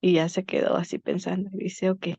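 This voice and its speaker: A woman's voice: fairly low pitch, little pitch movement, brisk, warm tone, husky, no echo. A mother telling family stories in a chatty way, full of fillers, over a video call. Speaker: parent participant. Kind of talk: casual storytelling. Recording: dull lo-fi call audio.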